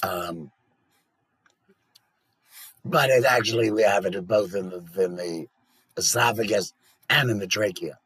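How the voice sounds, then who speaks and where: A man with a gargly laryngectomy voice made through the esophagus with a valve, giving an informal educational talk and pausing to swallow and clear mucus. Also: fairly low pitch, fairly bright tone, dry recording, rough recording. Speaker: patient educator.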